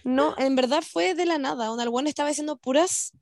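Quick, high-voiced Chilean woman telling a story. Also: no room sound. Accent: Chilean Spanish. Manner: animated storytelling, lots of slang and restarts. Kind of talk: casual chat. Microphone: video call.

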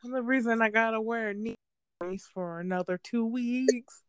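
Smooth-voiced young woman, laid-back chat. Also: fairly high pitch, normal speed, dry recording, clean studio sound. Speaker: podcast co-host. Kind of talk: casual chat.

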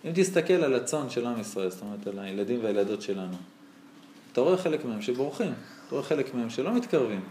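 A man's voice: medium pitch, animated, warm tone, a little hiss or hum. A man, a rabbi, preaching a sermon and telling stories, his voice rising and dropping sharply. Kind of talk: sermon with storytelling. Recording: roomy echo.

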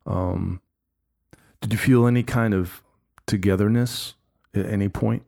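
Slow, gravelly-voiced male interviewer. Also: fairly low pitch, fairly even intonation, mellow. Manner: slow, halting, searching for words. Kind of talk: interview questions.

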